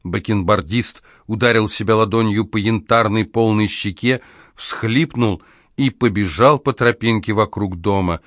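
An audiobook narrator reads a novel in an even, measured storytelling style. His voice sits fairly low, and the scripted narration is captured as a dry, clean studio recording.

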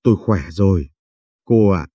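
Man voicing a confused old woman patient, pleading, stammering, husky low voice. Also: normal speed, dark tone, no echo.

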